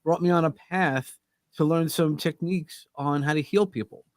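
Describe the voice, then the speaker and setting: Middle-aged Brooklyn-accented male guest, joking and animated, a dry close sound. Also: a little high, normal speed, dry recording. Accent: New York (Brooklyn). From Brooklyn, New York. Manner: animated, joking, self-interrupting. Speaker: podcast guest. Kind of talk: casual interview chat. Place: remote video call.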